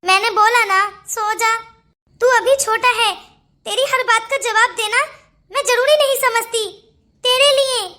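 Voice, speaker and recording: A woman's voice: extremely high pitch, steady tone, a little slow, sharp tone, exaggerated voice. A weary, stern cartoon mother. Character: sad young mother with no brother. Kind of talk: cartoon voice acting.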